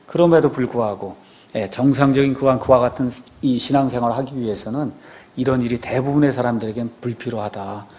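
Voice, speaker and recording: A man's voice: mid-range voice, brisk, darkish tone. A man, a pastor, giving a conversational sermon, asking his congregation rhetorical questions and often affirming himself with a short "yes".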